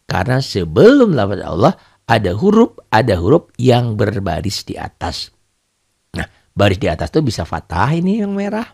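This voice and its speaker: A man teaching beginners to read Quran script, posing questions and answering them himself, stretching words out slowly to demonstrate pronunciation. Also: on the low side, gravelly, slightly rough, no echo, studio quality. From Indonesia. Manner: animated, asks and answers his own questions, drawn-out demonstration readings. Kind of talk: beginner tajwid lesson.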